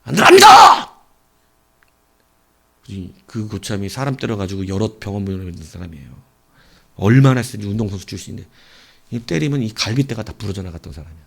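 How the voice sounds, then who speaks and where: A man preaching an evening sermon as pastor, telling a personal story with sudden swings between loud and hushed delivery. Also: fairly low pitch, quick pace, creaky. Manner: acts out voices of people in his story.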